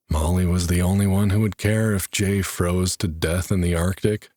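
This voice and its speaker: Deep, husky male audiobook narrator. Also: darkish tone, dry recording, studio quality.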